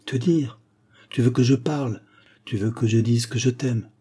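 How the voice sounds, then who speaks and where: A man's voice: mid-range voice, moderate pace, dark tone, husky, natural voice. A man reading the lines of a passionate young woman in love, in an ardent, pleading way.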